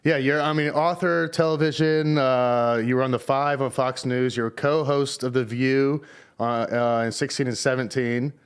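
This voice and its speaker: A man from Southern Indiana hosting an interview in a relaxed, halting way, with many fillers. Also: medium pitch, smooth. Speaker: host. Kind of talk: casual interview chat.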